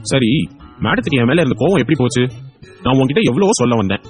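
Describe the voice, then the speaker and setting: A man's voice: medium pitch, lively intonation, fast, faint music behind, lightly acted. A man voicing a loving young husband in a hospital bed, playful and coaxing. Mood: tender. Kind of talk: audio drama acting.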